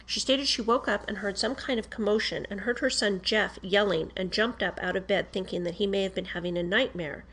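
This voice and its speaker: A woman reading a police interview report aloud in a formal, measured, matter-of-fact way. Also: medium pitch, a bit bright.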